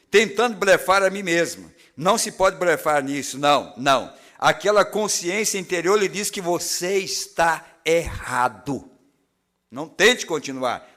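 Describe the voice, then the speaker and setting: A Brazilian pastor preaches in a church tabernacle, his voice sitting a little high for a man. He swings from forceful, carrying lines to hushed, low murmurs as he retells inner thoughts. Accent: Brazilian Portuguese. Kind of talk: sermon.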